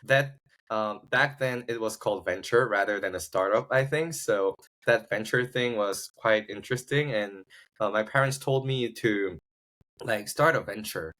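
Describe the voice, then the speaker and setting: Guesting on a podcast, a Korean-accented startup founder from South Korea recounts his experiences in a casual interview, often hunting for words. He has a lowish, somewhat bright voice and speaks at a moderate pace.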